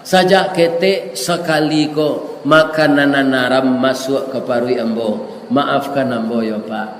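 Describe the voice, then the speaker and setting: A man's voice: mid-range voice, steady tone, slow pace, voice pushed down, natural voice. A man with a Minangkabau accent voicing a humble, pious young orphan, pleading and remorseful. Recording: echoey hall with faint noise.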